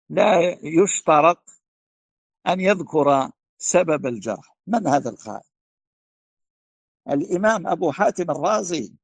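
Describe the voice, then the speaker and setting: A man with a slightly high voice answers a question as a religious scholar, declaiming emphatically and building to forceful declarations. He repeatedly poses rhetorical questions and stumbles over words, and there is no room sound.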